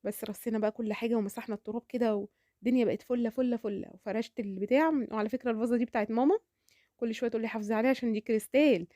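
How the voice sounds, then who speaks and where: Egyptian lady vlogger rattling on super fast, mellow kinda high voice, dry close sound. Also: steady tone, no room sound. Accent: Egyptian Arabic. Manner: rapid, warm-hearted chatter with prayers and frequent laughs. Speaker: home and cooking vlogger. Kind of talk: chatty voice-over to viewers.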